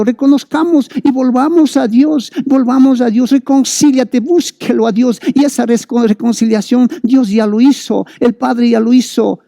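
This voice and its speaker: A man's voice: very high-pitched, vocal fry, dark tone, no room sound, clean studio sound. A male preacher giving a sermon to listeners, urging them on with fervent, repeated calls. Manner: fervent, repetitive exhortation.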